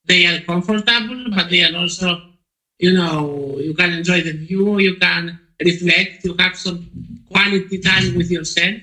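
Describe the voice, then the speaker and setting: A man's voice: high-pitched, steady tone, a little slow, pushed and bright, low-quality recording. A man from Poland answering interview questions as a podcast guest, hesitant, with many restarts and fillers.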